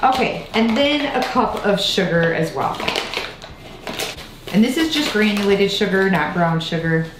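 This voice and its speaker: A woman's voice: mid-range voice, measured pace, noisy background. A woman in her thirties from Iowa chatting through a home baking tutorial in her kitchen, rambling into asides as she works, filmed by a camera set across the room. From Iowa, United States. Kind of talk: casual baking tutorial chat. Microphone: far camera on a tripod. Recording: roomy kitchen with faint music.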